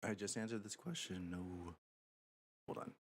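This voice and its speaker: A man's voice: low voice, steady tone, measured pace, a little hiss or hum. A man casually commentating a live game stream, rambling and thinking aloud as he talks to his viewers.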